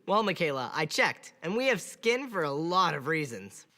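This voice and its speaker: A woman's voice: low voice, big pitch swings, moderate pace, background noise. A woman hosting a children's science show, bouncy and playful. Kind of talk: upbeat kids' science presenting.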